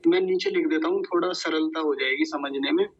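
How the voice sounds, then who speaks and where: A man teaching Sanskrit verse pronunciation, patiently breaking long words into syllables and repeating each one slowly. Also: a little high, dull audio. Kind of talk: slow syllable-by-syllable pronunciation lesson.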